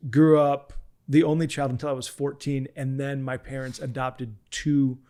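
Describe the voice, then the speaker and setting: A man in his forties, a pastor talking as a guest on a podcast, telling stories earnestly with frequent restarts and soft asides. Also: mid-range voice, level tone, normal speed. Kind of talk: casual interview chat.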